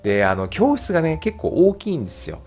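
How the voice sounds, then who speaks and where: Talking briskly over soft background music, a male podcast host who teaches English runs his casual show alone. His chatty delivery has a lively pitch and is full of fillers and laughs.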